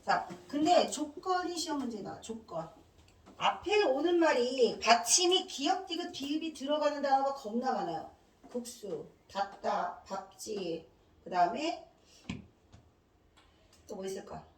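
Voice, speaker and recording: A woman teacher lectures a class in a high, very animated voice, quizzing the room and answering her own questions. She drills letters one by one. The sound is roomy and echoey, caught from some distance off the mic. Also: normal speed. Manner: asks questions and answers them herself.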